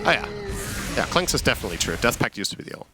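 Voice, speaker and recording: A man's voice: medium pitch, big pitch swings, racing, over music. A man casting a live esports match in a dry, matter-of-fact analyst manner. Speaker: esports caster.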